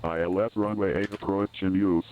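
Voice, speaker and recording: A man's voice on a looping airport weather broadcast, reading numbers in a clipped, even way. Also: low voice, a little fast, slight background noise. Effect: airport weather broadcast over radio. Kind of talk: recorded weather and runway report read in a loop. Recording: tinny narrow-band radio audio.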